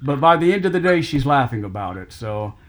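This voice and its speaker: Halting middle-aged man, restarting sentences. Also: mid-range voice, big pitch swings. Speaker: family caregiver on a call. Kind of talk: emotional family phone conversation.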